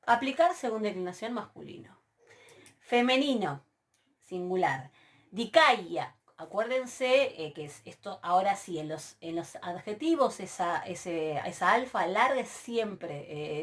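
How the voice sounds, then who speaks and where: A woman giving a recorded university lecture on grammar, patiently checking in with "¿sí?" and slowly spelling out word forms. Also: medium pitch. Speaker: Greek teacher.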